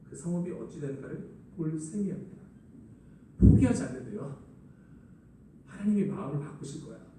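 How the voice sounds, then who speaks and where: Man, pastor, sermon, lively swooping pitch, mellow dark tone, booming echo, heard from a distance. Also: slight background noise. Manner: expressive preaching, acting out quoted lines. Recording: echoey hall, voice from afar.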